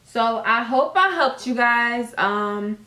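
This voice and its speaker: A woman's voice: a little high, expressive, takes it slowly, sharp tone. A woman casually talking viewers through a hair tutorial at home, chatty and loose with slang and fillers. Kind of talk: casual how-to vlog. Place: room at home. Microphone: camera set up at a distance. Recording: roomy, camera mic from a distance.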